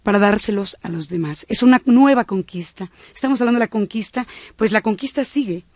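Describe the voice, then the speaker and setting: A woman's voice: medium pitch, lively intonation, fairly quick, darkish tone, no room sound, studio quality. Fervent Mexican woman on a talk show. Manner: fervent, flowing religious speech. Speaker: guest singer and speaker. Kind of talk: devout talk show conversation.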